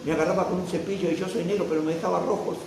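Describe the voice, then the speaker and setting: Fervent pastor in echoey church. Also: male voice, high-pitched, fairly even intonation, rapid-fire, heavy background noise. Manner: fervent preaching, rising to loud proclamation. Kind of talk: sermon. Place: church hall. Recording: echoey church sound from a distant mic.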